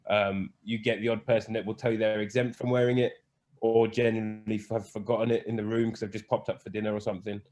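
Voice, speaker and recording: A podcast guest who manages hospitality on cruises speaks in a casual interview with a fairly low, level, slightly mellow voice. Born in England to Scottish parents and raised in Spain, he muses hesitantly, thinking aloud with fillers and restarting sentences as he finds his answers.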